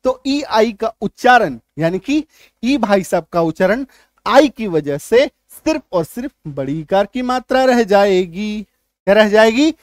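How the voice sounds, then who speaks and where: A man's voice: high-pitched, lively intonation, measured pace, dry recording, clean studio sound. A man teaching an English spelling and pronunciation lesson, repeating key words and quizzing the viewer.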